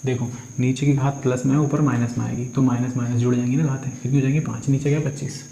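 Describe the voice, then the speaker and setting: Male physics tutor, mellow tone, coaxing self-questioning delivery, echoey room with faint crickets. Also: medium pitch, fairly even intonation, fast talker, slight background noise. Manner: coaxing, asks and answers his own questions, calls students beta. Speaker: physics teacher. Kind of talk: working numericals step by step.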